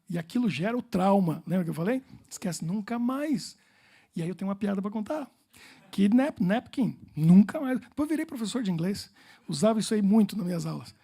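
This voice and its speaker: A man's voice: high voice, darkish tone, slightly rough. A Brazilian man preaching as a pastor, telling personal stories with humor and playful repetition.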